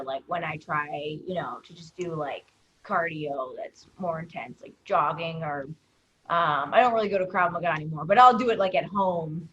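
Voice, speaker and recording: A woman talking in a casual video call discussion, rambling with many fillers and sometimes trailing off quietly. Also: fairly low pitch, lo-fi sound. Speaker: comedian and guest.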